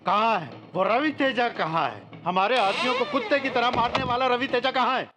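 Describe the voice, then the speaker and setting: Blustering threatening villain. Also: male voice, extremely high pitch, lively intonation, normal speed. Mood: angry. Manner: loud threatening shouts. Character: blustering middle-aged male villain, threatening. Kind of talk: Hindi film dub. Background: loud film score.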